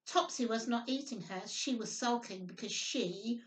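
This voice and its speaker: With a slightly high voice at a moderate pace, a nursery worker runs storytime for small children, reading aloud and chatting in a simple, sing-song style peppered with tag questions. The recording has a roomy echo from a distant mic.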